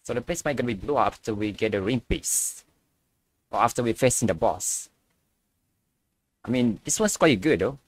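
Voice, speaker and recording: A man's voice: mid-range voice, lively intonation, moderate pace, pauses often, slight background noise. A young man giving casual reaction commentary as a video host.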